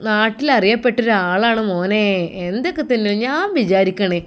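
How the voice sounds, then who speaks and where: Woman voicing a gossiping man, mocking, offhand, storybook character, mid pitch. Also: normal speed, close to an everyday voice. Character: teasing, gossiping grown man.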